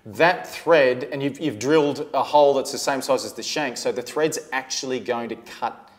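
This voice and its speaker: A man's voice: medium pitch, moderate pace. Australian male tradie, everyday mid-range voice, practical and plain-spoken, casual instructional chat. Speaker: tradesman guest explaining fixings.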